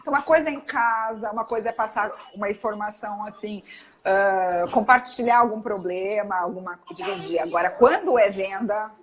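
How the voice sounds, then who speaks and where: A woman with a Brazilian accent, a doctor giving an animated, emphatic live talk. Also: medium pitch, a little fast, poor audio. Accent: Brazilian Portuguese. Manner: energetic, emphatic, demonstrates tones of voice. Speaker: guest speaker, doctor.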